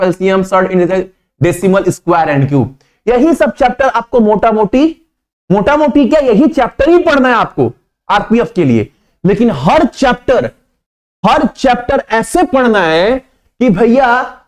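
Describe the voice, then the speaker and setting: Coaxing male math teacher talking directly. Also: high voice. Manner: direct, coaxing, calls viewers "babu" and "bhaiya"; repetitive, emphatic phrasing. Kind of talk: casual YouTube coaching talk.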